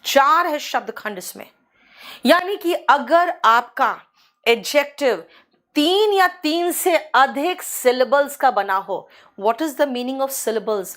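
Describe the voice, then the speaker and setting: A woman's voice: fairly high pitch, a bit bright. A woman teaching English grammar in an online exam-prep lecture, drawing out words syllable by syllable and affectionately calling her students "beta". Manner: drawn-out, syllable-by-syllable drilling of words.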